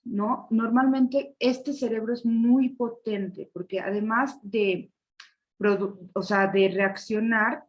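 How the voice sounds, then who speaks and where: A woman with a mid-range voice, captured in a rough recording, gives a conversational online lecture on leadership. As the speaker of the session, she often ends her points with a questioning tag and laughs.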